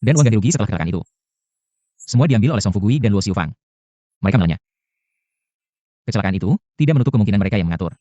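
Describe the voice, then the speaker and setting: Brief: curt rich CEO, played by a man, very fast, dark and low. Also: animated, no echo, highs cut off, lightly acted. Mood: firm. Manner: curt, commanding. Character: cold rich male CEO, protective. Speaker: lead actor. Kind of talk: dubbed short drama.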